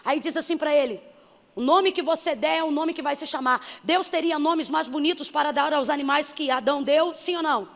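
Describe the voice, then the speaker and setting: A woman missionary preaching a sermon with emphasis, building to shouts. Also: high voice, fairly quick, gravelly. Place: church hall. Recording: hall reverb.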